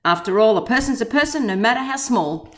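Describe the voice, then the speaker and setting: A woman reading a storybook aloud, voicing a gentle, loyal and determined male elephant who pleads earnestly. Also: a little high, lively intonation, fairly quick, slight background noise. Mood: resolute.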